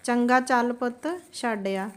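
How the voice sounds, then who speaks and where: A woman voicing a gentle, long-suffering old grandmother who speaks tenderly, in a slightly higher voice than most women. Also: fairly even intonation, slow. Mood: sad.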